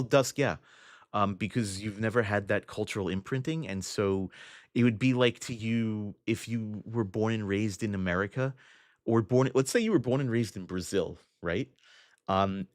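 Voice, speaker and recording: A young man hosts a relaxed livestream, reading viewer comments and answering his chat as he thinks out loud. His voice sits fairly low, and the recording is clean studio sound with no room echo. He restarts often and fills pauses as he goes.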